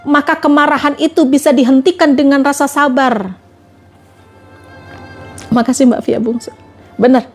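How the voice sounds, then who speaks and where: A woman's voice: high voice, fairly even intonation, moderate pace, pauses often, soft background music. A woman motivational trainer giving live-streamed religious advice, firing rhetorical questions and coaxing her viewers directly. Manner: fires repeated rhetorical questions at listeners.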